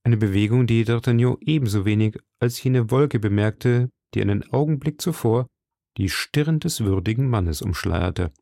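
A male audiobook narrator reads with a steady, measured delivery. His middle-pitched voice carries a strong gravelly texture. The recording is very dry and close. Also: no room sound. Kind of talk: scripted narration of a classic novel.

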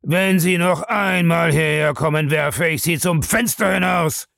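A man's voice: fairly high pitch, unhurried, gravelly, a bit bright, dry recording, clean studio sound, voice pushed up. A man reading an audiobook, voicing a bulky, bullying old man who bellows. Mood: roaring.

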